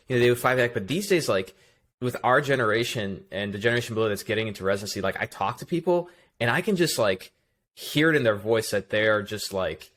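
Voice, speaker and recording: A man hosting a podcast interview, talking casually in a halting way, repeating words and restarting sentences. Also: mid-range voice, a bit bright. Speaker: podcast host.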